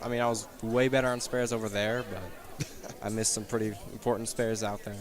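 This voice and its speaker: Young man, low-voiced bowler. Relaxed matter-of-fact answers over a busy bowling alley crowd. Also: fairly quick. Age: young adult. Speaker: junior bowler, last year's champion. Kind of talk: casual interview answers. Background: crowd chatter.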